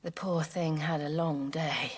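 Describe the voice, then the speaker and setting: A woman's voice: sits low, fairly even intonation, unhurried, husky. An actress playing a caring, emotional young woman companion in a video game. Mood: tender. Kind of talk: dramatic video game acting. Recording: prominent background music.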